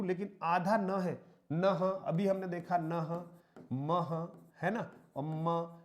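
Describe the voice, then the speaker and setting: A man's voice: sits high, darkish tone. A man teaching an online exam-prep lesson, patiently explaining step by step and counting syllables aloud. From India. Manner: addresses listeners as friends, explains step by step with slides. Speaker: Hindi teacher.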